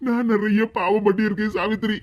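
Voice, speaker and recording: The audio has its highs cut off as a voice actor, medium-pitched, steady and close to an everyday voice, voices a remorseful older village husband for a cartoon. With a Kanyakumari Tamil accent, he speaks heavily and reluctantly, guilt-laden and slow to explain.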